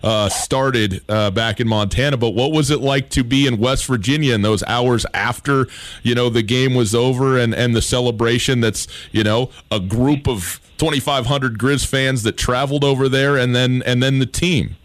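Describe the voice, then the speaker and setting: A man's voice: medium pitch, steady tone, normal speed. A man interviewing a guest, asking long, winding questions with fillers.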